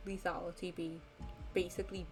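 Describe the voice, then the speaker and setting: Young female streamer, worn out, rambling casual sign-off, slightly low pitch. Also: flat delivery, a little fast, over music, rough recording. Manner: rambling, many ums and likes. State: tired. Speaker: live streamer. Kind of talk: casual end-of-stream chat.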